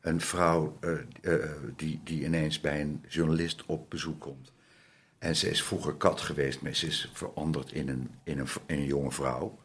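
A man's voice: extremely low pitch, flat delivery, moderate pace, a bit bright, breathy edge. A man chatting as a guest about reading audiobooks, talking easily with frequent restarts. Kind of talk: casual interview chat.

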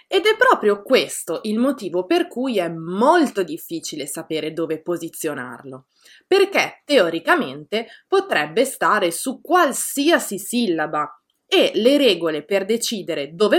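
A woman teaching pronunciation in a scripted lesson, reading example words out slowly and deliberately. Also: mid-range voice, very animated. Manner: slow, careful, reads out example words deliberately. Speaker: Italian teacher.

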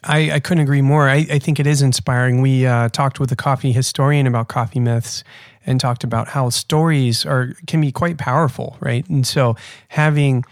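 A man's voice: mid-range voice, fairly even intonation, moderate pace, dry recording, clean studio sound. A man hosting a coffee podcast, reading a scripted intro and then chatting casually with a guest. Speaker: podcast host.

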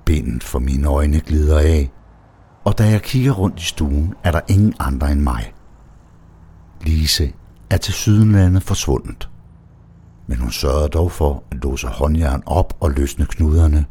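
Very deep husky male narrator. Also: darkish tone. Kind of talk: first-person erotic audio story reading.

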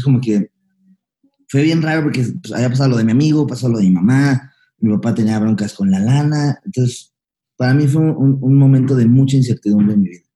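A young Mexican man recounts his past in quick, tumbling speech, slipping into slang and acting out what people said. His voice sits very dark and low in color. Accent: Mexican Spanish. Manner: fast, slangy, acts out past dialogue. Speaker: guest, comedian. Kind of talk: candid storytelling interview.

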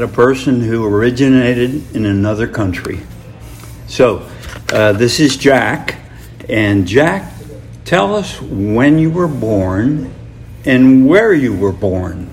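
A male host asks his questions slowly, in a halting way, with many uhs at a middle pitch. Faint music plays behind him. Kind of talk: casual interview.

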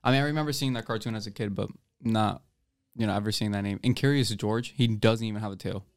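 A man's voice: fairly low pitch, quick pace, smooth, no room sound, clean studio sound. A teenage boy with an American accent hosting a student podcast, rambling casually with many fillers and restarts. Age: teens. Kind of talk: casual chat.

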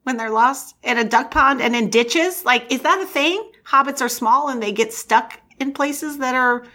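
Bright, enthusiastic woman podcast co-host. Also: high voice, normal speed. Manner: enthusiastic, chatty, laughs often. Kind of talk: casual book discussion.

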